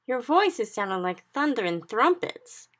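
A woman's voice: lively intonation, a little fast, pushed and bright, heavily acted. A woman reading aloud and voicing a kindly male giant who talks in muddled, made-up words. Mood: exclaiming. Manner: booming, mangled words.

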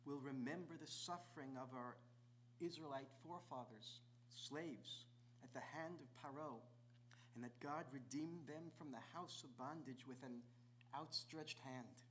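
A middle-aged man preaches a sermon as a visiting rabbi, speaking from a desk in a large synagogue sanctuary. He builds his points through repeated rhetorical questions, in a voice of ordinary pitch for a man. A distant camera picks him up, with a faint hiss underneath. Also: unhurried, a bit bright.

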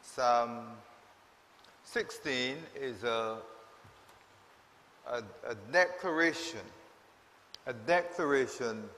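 A man preaching a funeral sermon in a slow, deliberate way, repeating key phrases. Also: medium pitch, pushed and bright, slight background noise. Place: church. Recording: long reverb from a large hall.

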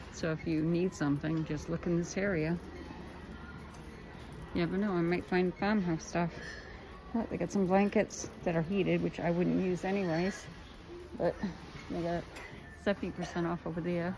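Lady filming a shopping vlog on her phone, lowish voice, busy store noise behind. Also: steady tone, normal speed. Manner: chatty, pointing out prices. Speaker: vlogger. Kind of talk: casual shopping vlog narration. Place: large indoor store. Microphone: phone camera held while walking. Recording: noisy store background.

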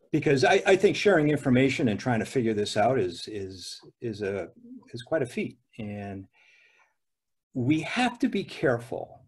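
An older man with a husky, somewhat low voice speaks through a webcam on a video call. He talks haltingly, restarting phrases and filling pauses as he explains his plans on a panel. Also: a little mellow. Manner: halting, with many restarts and fillers. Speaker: ski area owner on a panel. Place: dim room at home.

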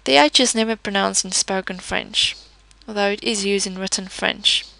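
A woman's voice: medium pitch, normal speed, gravelly, bright, forceful tone, dry recording, rough recording. A woman teaching a pronunciation lesson, patiently explaining each letter with example words. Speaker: language teacher. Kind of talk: slow, careful pronunciation lesson.

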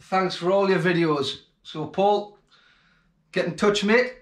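Speaking slowly in a high voice with fairly even intonation, an English man in his forties talks to the camera for his fishing channel. It's a casual, grateful and plain-spoken vlog filmed indoors, starting in the kitchen and moving to the living room, with roomy acoustics.

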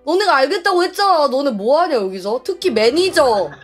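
A young woman streamer chatting casually, venting in a sulky, whiny way with sudden loud outbursts. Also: high voice, lively intonation, a little fast, faint music behind. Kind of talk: casual livestream chat.

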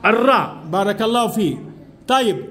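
A man's voice: high-pitched, lively intonation, brisk, fairly bright tone. A man teaching a primary school lesson in a classroom, firing questions, calling pupils by name and repeating their answers.

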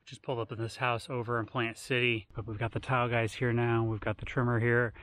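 A man's voice: mid-range voice, little pitch movement, a little fast, a bit bright. A man hosting a building vlog, describing the day's work on a house in an easy, upbeat way. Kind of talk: casual vlog narration. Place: outdoor building site. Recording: noisy outdoor job site.

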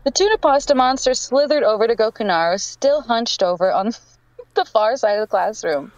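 A woman narrating a fan fiction aloud for her friends, giggling as she reads. Her voice sits a little high and sounds close and dry, on a slightly dull mic. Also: lively intonation, moderate pace, darkish tone, no room sound. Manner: giggling through her reading.

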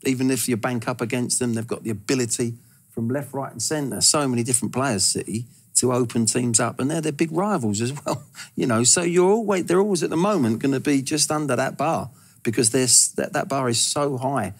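A man in his sixties talking as a football pundit in a TV studio, animated and stumbling over his first words, on a lapel mic. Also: medium pitch, a little fast, breathy edge. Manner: animated, gesturing with hands, repeats words when starting. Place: large TV studio.

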